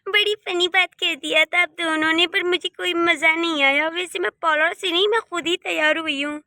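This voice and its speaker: A woman voicing a breezy, cheeky young daughter-in-law in a cartoon, sweet-talking and calm. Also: very high voice, moderate pace, dry recording, clean studio sound, full character voice. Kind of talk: Hindi cartoon voice acting.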